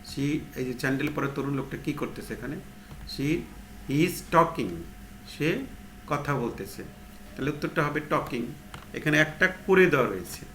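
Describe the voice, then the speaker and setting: A man gives a tutorial lesson, stepping through each point and answering his own questions. His voice is of ordinary pitch for a man. The room sounds echoey, with a faint hum underneath. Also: expressive, normal speed, fairly bright tone. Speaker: English teacher.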